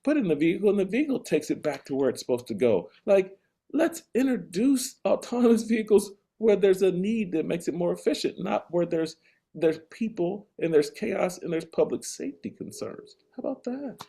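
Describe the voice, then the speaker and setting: Male, soft-edged mellow voice, conversational comic rant, emphatic repeats, mounting exasperation. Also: sits high, big pitch swings, fairly quick, vocal fry, slightly rough.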